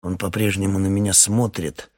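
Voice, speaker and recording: Low husky guy narrating an audiobook, slow calm and measured. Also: dry recording, studio quality. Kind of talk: first-person audiobook narration.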